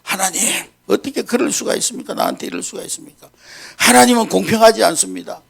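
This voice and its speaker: A man's voice: high-pitched, quick pace, vocal fry, voice pushed up, exaggerated voice. A preacher voicing an indignant jobless man. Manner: indignant protesting. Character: frustrated complaining jobless man.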